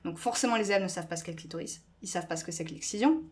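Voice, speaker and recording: Twenties woman from france on a podcast, lowish voice, talks fast with lots of euh. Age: 20s. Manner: animated, gestures a lot, many fillers. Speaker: guest, school staff member. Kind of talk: casual podcast interview.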